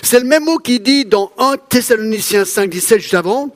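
A man with a high-pitched voice preaches to his congregation. His delivery is conversational and lively, full of asides, repetitions and playful touches between the serious points. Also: moderate pace. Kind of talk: sermon.

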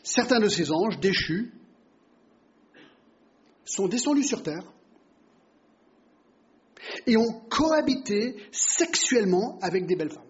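A man's voice: high-pitched, lively intonation, slow, long pauses. A man giving a Bible teaching sermon, explaining and putting rhetorical questions to his listeners. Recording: dull lo-fi recording.

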